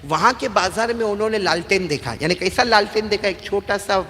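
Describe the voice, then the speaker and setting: A man preaching a sermon in a mosque, urging his listeners to call back responses and rising to shouts. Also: high-pitched, a little hiss or hum. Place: mosque hall. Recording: long mosque hall reverb.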